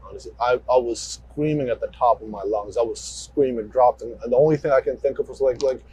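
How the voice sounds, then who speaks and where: A man, a police officer, giving a rushed and emotional account to investigators in a recorded interview, talking fast and close to tears. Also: mid-range voice, warm tone, a little hiss or hum. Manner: fast-talking, breathless and shaken.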